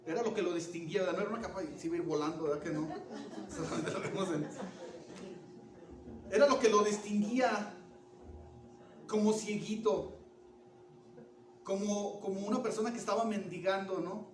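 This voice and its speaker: A man preaching a sermon in an animated way, asking the congregation questions and restarting words. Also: high voice, normal speed, long pauses, noisy background. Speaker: pastor. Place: church. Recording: echoey church room from far off.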